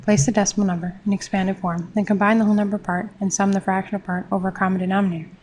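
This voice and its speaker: A woman teaching a math lesson, reading textbook steps in a steady, measured way. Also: mid-range voice, slight background noise, rough recording. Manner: steady, measured, step-by-step explanation.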